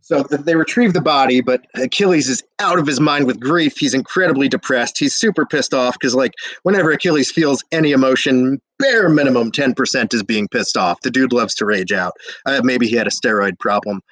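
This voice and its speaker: A man's voice: medium pitch, a little fast, hardly any pauses, a bit bright, no room sound, low-quality recording. A drunk young man retelling an old epic in a rambling, slangy way, with hiccups and lots of fillers. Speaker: drunk storyteller.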